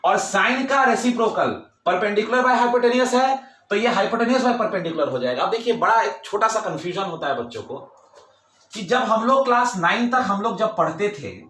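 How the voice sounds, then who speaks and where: A man's voice: high-pitched, animated, moderate pace, a bit bright, reverberant. A male teacher giving a classroom lecture, who repeats key points with emphasis and mixes English terms into his Hindi.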